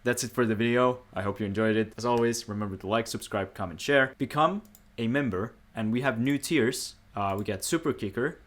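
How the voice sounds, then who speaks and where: A man's voice: medium pitch, brisk. A man hosting a gaming video, talking casually with joking, self-mocking asides. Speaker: gaming YouTuber host.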